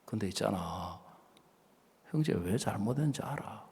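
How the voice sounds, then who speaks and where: A pastor telling a sermon story and acting out both sides of the dialogue. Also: male voice, on the low side, animated, moderate pace, a little mellow. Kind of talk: sermon with acted-out anecdote. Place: church sanctuary. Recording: long church reverb.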